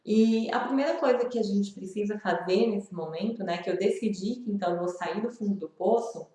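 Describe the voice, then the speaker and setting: A woman's voice: mid-range voice, a little fast, warm tone. Brazilian woman vlogger, mid-range voice, earnest and confiding, speaks straight to the viewer, very echoey room. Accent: Brazilian Portuguese. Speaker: video host sharing grief advice. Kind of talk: personal vlog talk to camera.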